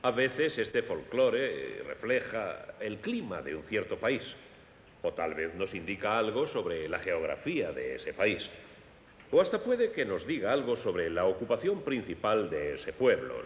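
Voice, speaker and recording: A man with a Castilian Spanish accent dubs a children's concert lecture on music, teaching and addressing young listeners directly. He sounds very animated and a little slow. The lo-fi recording comes from an echoey hall with long reverb and faint rumble.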